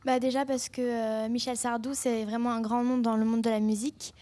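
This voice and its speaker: A woman's voice: on the high side, little pitch movement, a little fast, warm tone. A young woman, a singer, answering interview questions earnestly with fillers. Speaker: singer guest. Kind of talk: studio interview. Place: TV studio set. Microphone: handheld mic.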